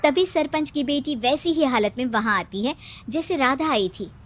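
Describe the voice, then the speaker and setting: A woman's voice: high voice, lively intonation, normal speed. A woman narrating a cartoon story in a plain storytelling manner. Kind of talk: scripted narration.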